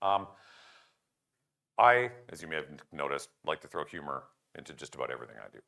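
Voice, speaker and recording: An older man gives a conference talk in a low voice. His pitch swings widely as he acts out what other people say and cracks jokes. He often pokes fun at himself. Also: brisk, vocal fry. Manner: animated, jokey, self-deprecating, acts out quoted remarks. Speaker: conference speaker.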